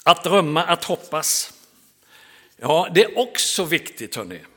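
A middle-aged man, a pastor, preaching a sermon and telling a story with dramatic rises and soft drops. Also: fairly high pitch, sing-song, breathy edge.

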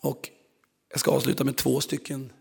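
Man, preacher, strained gravelly delivery, storytelling sermon in a reverberant hall. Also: mid-range voice, monotone. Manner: storytelling, acts out quoted voices. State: strained, recovering voice.

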